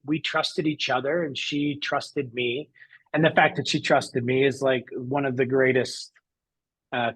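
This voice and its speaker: A man's voice: medium pitch, a bit bright, husky, rough recording. Earnest man telling a personal story. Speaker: interview guest. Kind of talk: conversational interview.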